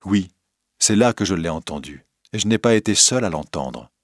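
Brief: anxious young woman singer, tense and pleading, read by a low-voiced man. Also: animated, normal speed, no room sound, studio quality. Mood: earnest.

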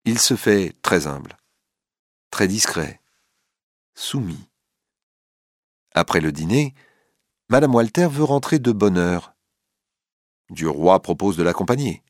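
A man narrating a classic story aloud with an expressive, dramatic reading. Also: low-pitched, slow, pauses often, dry recording, clean studio sound.

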